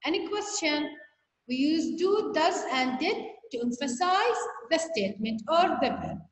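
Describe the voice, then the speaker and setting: High-voiced woman teaching in an echoey room. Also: sing-song, measured pace. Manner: explains patiently, checks understanding with repeated "okay?". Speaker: English teacher. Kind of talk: recorded online grammar lesson. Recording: echoey room, long reverb, faint noise.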